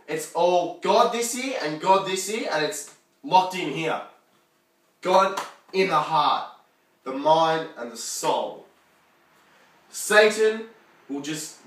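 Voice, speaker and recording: An earnest young man speaks in a slightly higher, bright and pressing voice, repeating his main points. He is recorded indoors in a very echoey room, well away from the mic. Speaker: youth speaker. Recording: roomy echo, far from mic.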